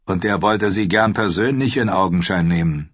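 A man's voice: low voice, moderate pace, dry recording. A man voicing a hostile, accusing young knight. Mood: cold. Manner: accusing, sharp. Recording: dull, slightly lo-fi audio.

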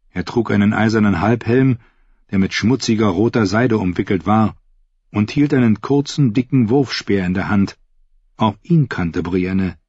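A man narrates a fantasy audiobook in a steady, measured reading. His voice is somewhat husky. The recording is dull and lo-fi, with a dry, close sound. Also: lowish voice, no echo.

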